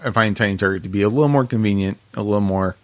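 A man's voice: lowish voice, racing, no room sound. A man co-hosting a podcast in casual chat, easygoing and laughing often. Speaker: podcast co-host.

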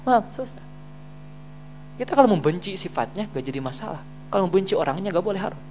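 A man teaching an Islamic study class in a lively, joking manner, swinging between loud emphasis and quiet asides and often asking if listeners understand. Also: high voice, fast, slight background noise. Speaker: religious teacher. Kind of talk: casual Islamic study lecture. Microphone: streamed live.

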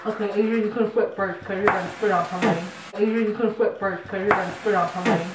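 A woman's voice: medium pitch, steady tone, quick pace. A woman vlogger speaking with her mouth full of toothpaste, bossing her siblings around in playful banter. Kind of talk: casual family vlog. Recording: echoey room, from far off, loud noise.

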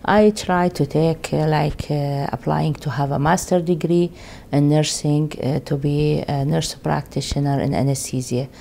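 A woman's voice: low-pitched, fairly even intonation, a little slow, creaky, mellow, slight background noise. A middle-aged woman from Iraq with an Iraqi accent, speaking hesitantly with many fillers in a documentary interview. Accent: Iraqi Arabic. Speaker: refugee doctor interviewee. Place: indoor room with window.

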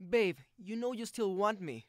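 A woman's voice: mid-range voice, lively intonation, moderate pace, no echo, clean studio sound, natural voice. A woman voicing a smug, wheedling ex-boyfriend who won't take no for an answer. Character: pushy creepy male ex-boyfriend.

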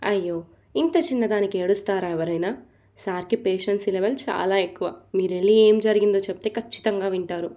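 A woman's voice: medium pitch, brisk, warm tone, close to an everyday voice. A woman voicing a caring, frank young female office assistant who chats reassuringly in an audio story. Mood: soothing. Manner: reassuring, chatty.

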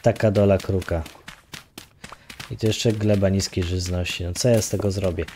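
He has a low, dark voice with fairly flat intonation and normal speed, and there's slight background noise. A gaming YouTuber, he casually talks through his own play, muttering numbers and complaining with light profanity.

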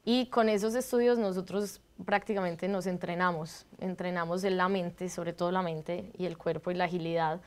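A woman's voice: fairly low pitch, fairly even intonation, normal speed, hardly any pauses, darkish tone. A woman in her thirties with a Colombian accent from Bogotá, a guest on a TV studio interview, explaining fluently and laughing easily. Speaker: guest, improv artist. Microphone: lapel mic.

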